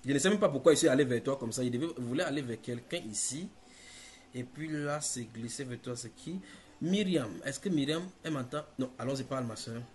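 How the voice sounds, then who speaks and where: A man's voice: mid-range voice, a little mellow. A man leading a church teaching session, giving direct counsel and checking for agreement. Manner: directive, quick, ends points with "d'accord?". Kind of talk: pastoral counsel.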